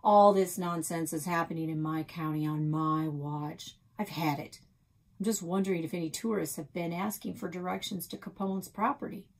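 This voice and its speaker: A woman reading aloud, voicing a stern, fed-up male county sheriff in a storybook, with a low, husky voice. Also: steady tone, normal speed. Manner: gruff, fed-up, commanding.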